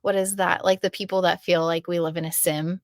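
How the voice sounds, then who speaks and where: A woman's voice: lowish voice, level tone, brisk, dry recording. Dry-humored woman co-host, close mic. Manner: dry, self-deprecating humor. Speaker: podcast co-host. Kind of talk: casual chat.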